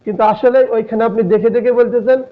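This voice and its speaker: A man's voice: very high voice, steady tone, fairly quick. A man teaching a casual online law class, explaining in plain colloquial talk and acting out everyday examples. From Bangladesh. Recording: tinny phone-line sound.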